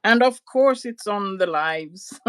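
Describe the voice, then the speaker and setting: A woman co-hosting a crafting livestream, agreeable and quick to laugh. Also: mid-range voice, lively intonation, dry recording. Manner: warm, agreeable, laughs often. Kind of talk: casual chat.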